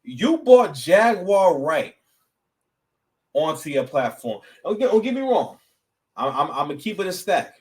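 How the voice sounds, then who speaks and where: A man riffs through casual reaction commentary with a lively, swinging delivery and a voice pitched a little high. He rambles and mocks, sounding set back from the microphone. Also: measured pace, far from the mic, low-quality recording. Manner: animated, rambling, mocking. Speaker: podcast host.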